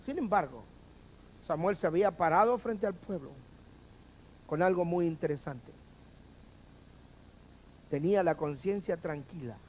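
A man's voice: a little high, animated, unhurried, long pauses, darkish tone, highs cut off. A man preaching a sermon, firing rhetorical questions at the congregation and having them repeat after him.

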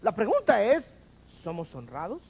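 A man's voice: high voice, wildly swooping pitch, normal speed, creaky, darkish tone, husky, highs cut off. A man preaching a sermon, firing rhetorical questions at the congregation and having them repeat after him.

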